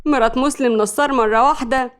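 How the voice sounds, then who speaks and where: A sarcastic, scolding mother with an Egyptian accent, played by a woman narrator. She mocks her daughter in a raised, brisk voice. A sharp-tongued storybook mum. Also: high voice, close to an everyday voice. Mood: mocking. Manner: mocking, scolding.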